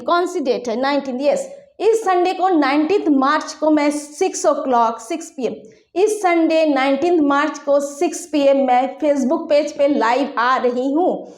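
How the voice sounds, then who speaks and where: A woman teaching a language lesson, patiently repeating and drilling words slowly, checking in with her viewers. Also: high-pitched, reverberant. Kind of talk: Hindi-medium language lesson.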